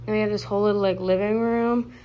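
A woman's voice: mid-range voice, steady tone, fast talker, muffled recording. A young woman vlogging her trip in casual narration, chatty and often giggling, filmed on a handheld phone. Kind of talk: casual travel vlog narration. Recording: noisy travel background, vehicles.

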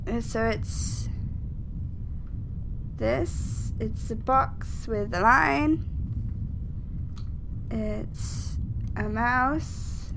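A woman's voice: on the high side, extremely slow, vocal fry, long pauses. A woman giving self-mocking let's play commentary on a horror game, breaking into sudden panicked shrieks. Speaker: game streamer. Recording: loud background noise.

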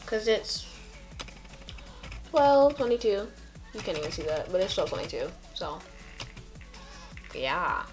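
A young woman speaks in a deep, expressive voice at a moderate pace, leaving long pauses, with soft background music. Late at night on the carpet at home, the tired vlogger with a headache chats sleepily to a close camera at arm's length. She drifts giddily and rambles between topics.

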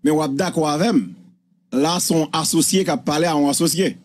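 A man offers reflective commentary in a high-pitched voice. He speaks at a measured pace.

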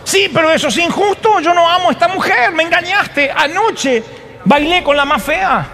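A man preaching, acting out an outraged young husband who has been tricked, with loud, exasperated outbursts. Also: very high voice, big pitch swings, moderate pace, pitched above the performer's own voice, heavily acted. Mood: furious. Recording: long hall reverb.

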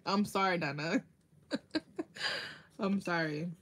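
A woman with a slightly low voice hosts a relaxed nail art livestream. She talks casually, answers viewers by name and laughs easily as she demonstrates, keeping a friendly, chatty tone. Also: takes it slowly, slight background noise. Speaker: nail artist hosting a tutorial livestream. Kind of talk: casual livestream tutorial chat.

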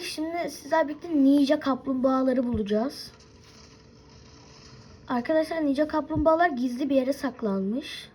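A woman's voice: high-pitched, low-quality recording. A young woman hosting a game video, giving casual play-by-play commentary, chatting to her viewers with forgetful asides. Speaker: gaming video host.

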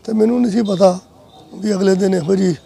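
A man in his sixties with a Punjabi accent, giving solemn condolences in halting, short phrases. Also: high voice, steady tone, vocal fry, mellow, husky. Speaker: interviewee offering condolences. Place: outdoors among a group of people.

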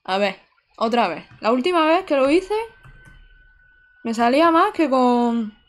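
A woman's voice: sits high, animated, a little slow. A young woman, chatting to her viewers while playing a game live. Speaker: streamer. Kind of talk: live gameplay commentary.

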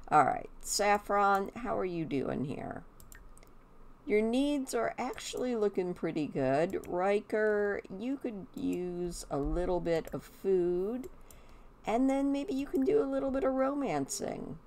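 A woman's voice: medium pitch, animated, slow pace, a little mellow. A woman giving casual, chatty game commentary, talking to her characters, with a slight whistle on her s sounds. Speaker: gameplay host.

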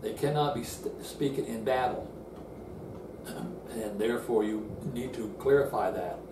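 An older man with a mid-range, slightly slow voice teaches a Bible lesson while seated, earnest and explanatory, often restarting phrases as he works through the verses. He sits in an indoor room in front of a screen, and the recording sounds roomy, distant and noisy.

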